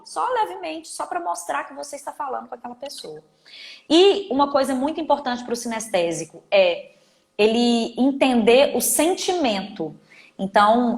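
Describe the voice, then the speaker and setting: A woman with a Brazilian Portuguese accent, leading a live online training on communication, talking in an animated and emphatic way with everyday examples. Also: a little high, roomy sound.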